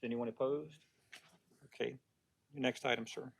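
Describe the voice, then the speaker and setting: A man chairing a public committee meeting, briskly leading the prayer, roll call and votes. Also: mid-range voice, steady tone, gravelly.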